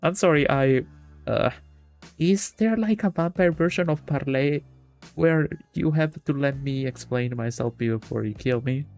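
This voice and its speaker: Pitched fairly high but with a darkish tone, a man's voice reads a visual novel during a game stream, mixing in casual commentary. He often stumbles and repeats words, so the reading comes out halting. Game music is audible in the background.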